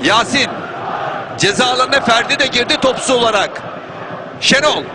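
A man giving excited, shouted live football commentary. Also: very high voice, normal speed. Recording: very noisy stadium broadcast, roaring crowd. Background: roaring stadium crowd.

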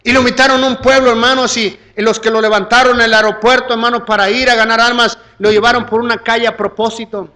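A male pastor preaching a live church sermon, swinging between loud fervent peaks and hushed low pleading, constantly calling listeners "brother". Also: little pitch movement, fast, few pauses. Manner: addresses the congregation as "hermano" constantly.

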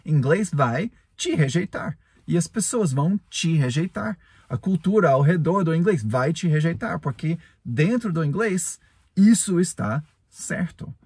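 A man's voice: on the high side, a little mellow, husky, no echo. A man, a native English speaker, gives an earnest, casual spoken lesson as a podcast host, chuckling often and ending points with tag questions.

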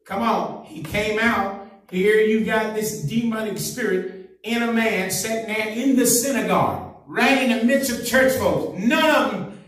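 A middle-aged man preaching a fervent sermon with call-and-response, his voice swelling into loud surges. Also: high-pitched, a little slow. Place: small church room, indoors. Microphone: headset mic. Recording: echoey room, heard from a distance.

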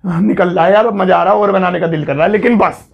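Young male tutor, high-pitched and gravelly, jokey and casual, drills each word slowly. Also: steady tone, muffled recording. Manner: playful, joking asides, repeats key words slowly. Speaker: English teacher. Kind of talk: casual Hindi vocabulary lesson.

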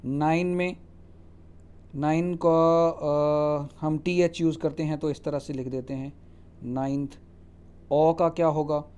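Male teacher, mellow and fairly high voice, explains spelling rules step by step. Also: little pitch movement, smooth. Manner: spells words out letter by letter and checks with "ठीक है?"; reads English rules aloud slowly, then explains them in Hindi. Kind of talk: Hindi lecture on English spelling rules.

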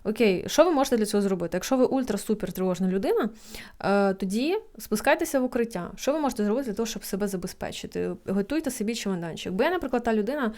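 A young woman giving casual psychology advice, chatty, with lots of fillers and quick laughs. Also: mid-range voice, expressive, a little mellow. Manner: quick, chatty, many fillers and laughs, acts out inner thoughts. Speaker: psychologist in training. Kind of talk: casual advice talk to camera.

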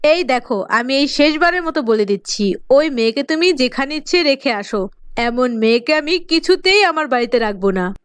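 A woman voicing a cruel, scolding middle-aged stepmother in a cartoon, talking with sharp sneers. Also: sits high, expressive, moderate pace, smooth, no room sound. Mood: scolding, spiteful. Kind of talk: cartoon voice acting.

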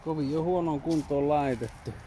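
A man from Finland quietly commenting in short remarks as he explores an abandoned farmhouse, recorded on an action camera. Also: background noise. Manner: low-key, terse remarks while exploring. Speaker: urban explorer.

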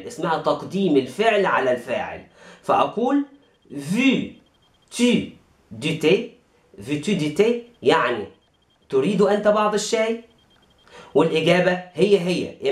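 Egyptian man teaching with lively pitch. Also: reverberant. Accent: Egyptian Arabic. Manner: slow, drawn-out modelling of example phrases. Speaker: French teacher. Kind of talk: explaining grammar to students.

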